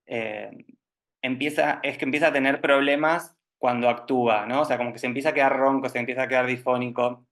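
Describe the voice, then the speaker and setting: A man with an Argentine Spanish accent recounts a story in a loose, informal lecture. His pitch sits in an ordinary middle range, and he keeps circling back with little tag questions and restarted phrases. It sounds like a video call from home. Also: a bit bright. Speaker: Alexander Technique teacher giving a talk. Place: at home with a cat nearby.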